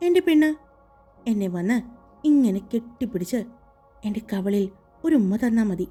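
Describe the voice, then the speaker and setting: A hot-tempered young boss speaks firmly and teasingly, a little lower than the storyteller's own voice, as a woman reads him in a romance audiobook. The tone stays mellow and dark rather than bright, with soft music under it. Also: expressive, normal speed.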